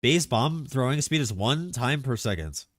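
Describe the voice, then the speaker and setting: A man streaming live, chatting casually and excitably about game mechanics, rambling with lots of filler words. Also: mid-range voice, moderate pace, no echo, clean studio sound.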